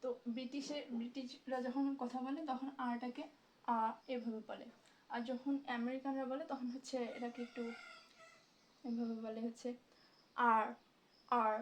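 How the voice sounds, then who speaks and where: A woman teaching a spoken English class, slowly saying each letter of the alphabet with many pauses and fillers. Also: fairly high pitch, steady tone, warm tone. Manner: slow, deliberate, hesitant with fillers, spells out letters one by one.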